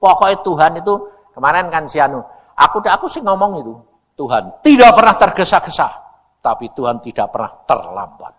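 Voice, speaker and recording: A man's voice: on the high side, brisk. A man preaching a storytelling sermon, acting out the voices in his own stories. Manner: animated, acts out voices in his stories, mixes in Javanese words. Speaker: evangelist preacher.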